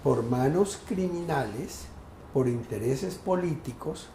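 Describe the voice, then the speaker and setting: An older man in his sixties with a gravelly voice recalls his childhood in a measured, lyrical way. His tone is dark and mellow, and the echoey room carries a faint hiss. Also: mid-range voice, expressive. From Tumaco, Colombian Pacific coast. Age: 60s. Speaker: interviewee. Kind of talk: reflective storytelling interview.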